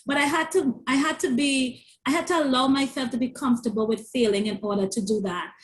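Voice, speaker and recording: An author and parent coach appears as an interview guest, earnestly telling her story in a high, brisk voice. She has a stutter and a lisp and often repeats words as she restarts.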